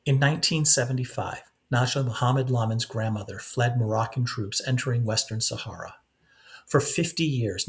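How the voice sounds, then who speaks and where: A man hosting an interview podcast, asking long questions with many restarts and fillers. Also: mid-range voice. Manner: hesitant, searching for words with many restarts. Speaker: podcast host.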